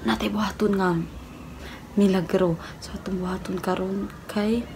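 A young woman doing a chatty, teasing comic parody of a live-selling stream. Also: medium pitch. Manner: chatty, teasing, addresses viewers as guys. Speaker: comedy vlogger. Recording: loud background noise.

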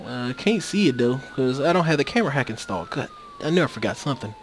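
Talking quickly with big swings in pitch, a medium-voiced man gives loose, rambling commentary on a video game. There's a little hiss or hum, and the USB mic he uses keeps cutting out while he fills gaps and starts over.

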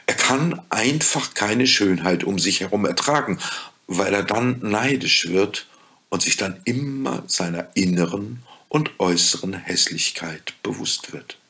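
Ein Mann spricht eine sanfte, gütige Fee. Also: male voice, on the low side, expressive, husky, heavily acted. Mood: gentle. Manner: soft, slow and quiet. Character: gentle kind fairy woman, calm and wise.

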